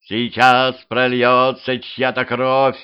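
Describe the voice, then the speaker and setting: A man voicing a seductive, scheming witch in a homemade audiobook, speaking slowly and purring, shrieking when enraged. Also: mid-range voice, expressive. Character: seductive scheming witch woman, later furious. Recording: dull lo-fi home recording.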